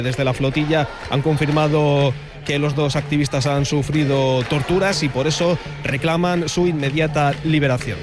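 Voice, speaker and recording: Male field reporter outdoors, slightly high voice, brisk live report. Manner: brisk, informative delivery. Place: outdoors at a street protest.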